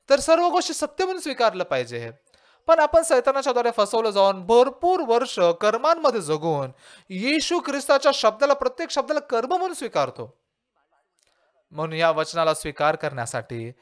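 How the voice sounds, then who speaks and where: A male pastor preaching a sermon and asking his listeners rhetorical questions. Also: very high-pitched.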